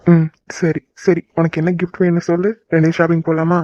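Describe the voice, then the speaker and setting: A man voicing a gentle young man in a cartoon, soothing and teasing his crying sweetheart. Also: a little high, monotone, a little fast, dry recording, natural voice. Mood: teasing casual. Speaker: voice actor. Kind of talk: cartoon love-story dialogue. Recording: dull lo-fi dry recording.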